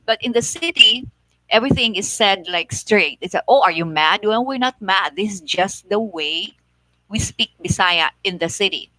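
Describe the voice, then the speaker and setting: A woman from Negros Oriental with a Filipino accent, explaining things in a measured, casual way with many repeats. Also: mid-range voice, pushed and bright, no echo, low-quality recording. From Philippines, Negros Oriental. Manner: slow, measured explaining with frequent "like" and repetitions. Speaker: vlogger.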